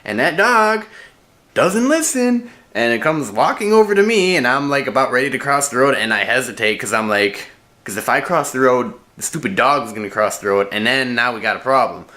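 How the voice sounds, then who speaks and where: Male daily vlogger, mid-range voice, talks casually, rants with sudden upward pitch jumps. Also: a little fast. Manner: animated, ranting, jumps up in pitch for emphasis. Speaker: vlogger and mail carrier. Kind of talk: casual daily vlog chat.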